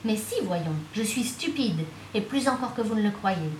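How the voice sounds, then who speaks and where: A woman's voice: medium pitch, animated, normal speed, distant mic, slight background noise, close to an everyday voice. A woman reading the lines of a curt, resentful man in an audiobook, with abrupt angry outbursts, in an echoey room. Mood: furious.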